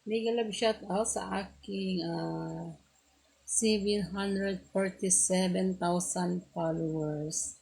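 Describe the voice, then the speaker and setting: A woman in her forties with an Ilocano accent, chatting softly on a live stream, greeting viewers and laughing often. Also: lowish voice, steady tone, slow, gravelly. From Pangasinan, Philippines. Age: 40s. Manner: soft-spoken, greets commenters, laughs often.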